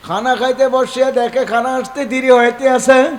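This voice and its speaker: A man's voice: very high voice, little pitch movement. A male preacher, telling a devotional story in a waz sermon and drawing out sung, wailing refrains. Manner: storytelling, drawn-out melodic chanting, emotional.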